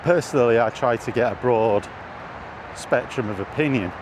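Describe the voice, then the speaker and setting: This clip captures a middle-aged British vlogger out walking in a city, casually thinking aloud and often hesitating. His pitch is medium and his pace moderate. Traffic makes the outdoor recording noisy, with street sounds clearly present.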